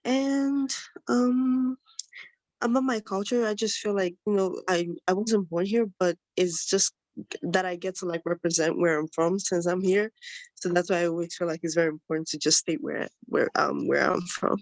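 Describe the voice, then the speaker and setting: A woman's voice: on the low side, moderate pace, no room sound. Young woman, student, lots of ums, dry close sound. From Nigeria. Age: early 20s. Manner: hesitant, many fillers. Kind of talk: self-introduction. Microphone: video call.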